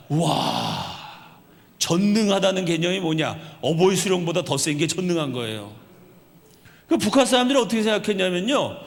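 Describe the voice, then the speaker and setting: A man's voice: high-pitched, fairly bright tone. A male pastor preaching a sermon, asking his congregation questions and acting out the stories he tells. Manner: asks the congregation rhetorical questions; tells stories and acts out quoted speech. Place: church sanctuary. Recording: reverberant church hall.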